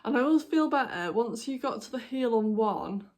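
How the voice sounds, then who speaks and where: Her voice is on the high side and expressive, moving at a moderate pace. She's a UK woman who hosts a knitting podcast, and in this casual show-and-tell vlog she meanders, says um a lot, apologizes often, shows her projects, and keeps hiccuping.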